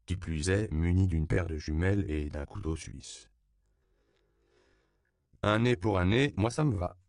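A man narrating an audiobook in a measured, even reading. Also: low-pitched, gravelly, smooth, dry recording, clean studio sound. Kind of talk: scripted narration.

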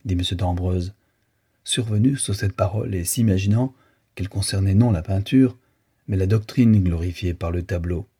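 A man reading a classic novel aloud as an audiobook narrator, in a measured, even manner. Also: sits low, breathy edge. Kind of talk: scripted literary narration.

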